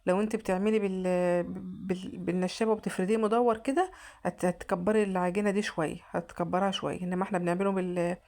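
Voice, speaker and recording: A woman's voice: fairly low pitch, fairly even intonation, quick pace, a little mellow. A woman with an Egyptian accent, narrating her home cooking in a chatty, casual way and often restarting her sentences. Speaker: vlogger.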